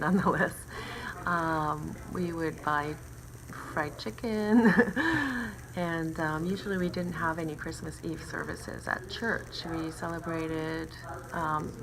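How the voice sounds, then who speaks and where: Slow, hesitant woman from Japan. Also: on the low side, noisy background. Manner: hesitant, many ums. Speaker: interviewee. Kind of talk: recorded interview.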